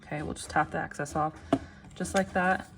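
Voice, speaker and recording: A woman giving a casual, step-by-step craft tutorial in a reassuring, unhurried way, often checking in, with machine noise behind her. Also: low voice, fairly even intonation, vocal fry. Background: machines running, clicking sounds.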